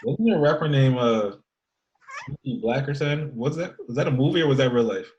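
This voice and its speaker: A man's voice: medium pitch, lively intonation, brisk, darkish tone, dull audio. A man co-hosting a podcast in casual chat, talking thoughtfully and often trailing off or restarting his thoughts. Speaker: podcast co-host.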